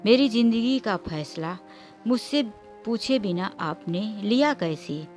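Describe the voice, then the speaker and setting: A woman's voice: mid-range voice, a little slow, soft background music, natural voice. A woman voicing a stubborn, angry young married woman who speaks indignantly. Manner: indignant, sharp.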